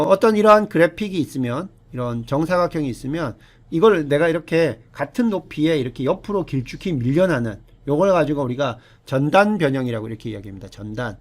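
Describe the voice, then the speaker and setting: A man's voice: fairly high pitch, darkish tone. A male university professor giving a recorded lecture, explaining step by step and asking the class questions. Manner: explains step by step, often starts with "자"; asks the class rhetorical questions.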